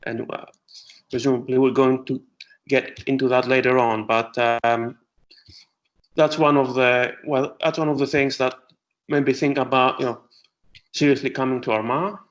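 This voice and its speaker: A middle-aged man from Greece, an astronomer answering interview questions with many pauses and restarts. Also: mid-range voice, steady tone, dull audio. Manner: hesitant, many fillers and restarts.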